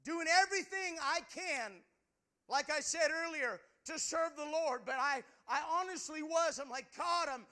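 A male pastor delivers an impassioned church sermon in an extremely high, bright, forceful voice at a moderate pace. He is earnest and stammers over repeated words.

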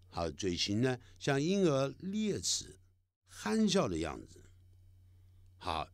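Male teacher, drilling English sounds slowly, up-and-down delivery. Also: lowish voice, a bit bright, dry recording, clean studio sound. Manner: slow drawn-out demonstration of sounds. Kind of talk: language lesson.

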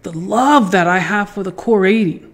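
A man's voice: sits high, normal speed. A man telling a personal story in a casual monologue, acting out voices and sound effects and swearing freely. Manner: swears freely, repeats words when excited. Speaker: podcast host.

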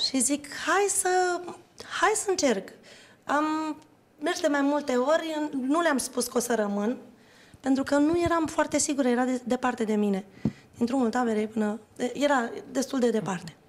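A woman singer as a guest on a TV talk show, telling a story with some laughter. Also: high-pitched. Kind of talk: casual interview chat. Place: TV studio.

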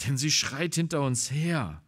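A man with a German accent preaching a sermon as pastor, slow and deliberate, growing emphatic when he reads scripture aloud. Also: expressive, fairly bright tone, breathy edge. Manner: emphatic, rises in pitch and volume when reading scripture; slow, deliberate delivery with pauses.

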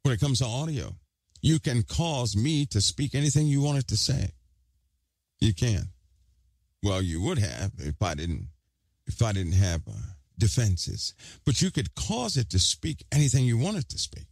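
A man's voice: medium pitch, very animated, moderate pace, a little mellow, dry recording. A man preaching an online sermon, emphatic and repeating phrases for stress, talking with a hard object held in his mouth.

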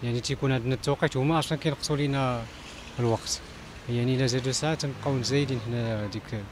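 A Moroccan man speaks very fast with hesitant fillers, in a street interview. Faint city noise hums behind him. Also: mid-range voice, steady tone. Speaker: passerby interviewee.

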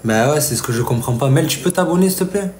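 A man's voice: a little high, animated, quick pace, darkish tone. A man venting to his viewers during a live gaming stream. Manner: agitated, venting, talks straight to viewers. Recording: roomy with faint noise.

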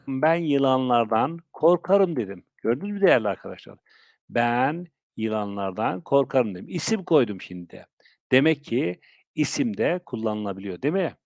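A male teacher with a Turkish accent giving a live-streamed vocabulary lesson, repeating and drilling phrases slowly for his viewers. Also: medium pitch, creaky, no room sound, clean studio sound. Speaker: English teacher.

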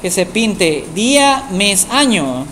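A woman teaching software to a class, tagging nearly every phrase with a questioning aside, recorded in a classroom with students present. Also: mid-range voice, sing-song, slow pace. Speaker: programming teacher. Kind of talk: live classroom software tutorial. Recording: echoey room with faint background noise.

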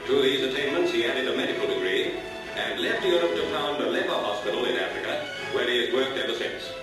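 A man reads an old 1950s newsreel in the stately, formal manner of an announcer of that era. The film is played back in a room, so his voice sounds very echoey and far from the mic. Music runs clearly underneath. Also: mid-range voice, expressive, a little fast. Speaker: newsreel narrator. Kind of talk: scripted newsreel narration.

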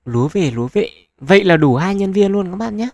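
Casting: male gaming host, gravelly texture, rambling casual commentary with fillers, bursts of excitement. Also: high voice, fairly quick. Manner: chatty, thinks aloud with many fillers; excitable at lucky pulls. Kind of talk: casual gacha game commentary.

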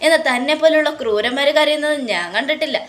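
A woman's voice: high voice, quick pace, pitched above the performer's own voice, natural voice. A woman voicing a vengeful young man who mocks and accuses his enemy in a retold TV serial. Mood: mocking. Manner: mocking, accusing. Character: young man, vengeful and sarcastic toward villain.

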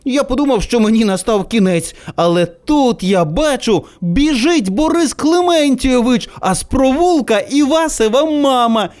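A man narrating a children's story in an animated, expressive audiobook reading. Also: very high-pitched, moderate pace, few pauses.

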